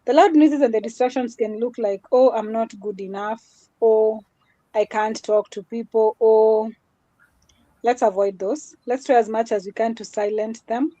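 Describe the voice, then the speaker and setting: Earnest and repetitive, a woman mixes Swahili into English while giving a motivational talk as a guest speaker in a live session. Her small voice is a little high and mellow, with fairly even intonation and a moderate pace. The lo-fi sound carries no echo.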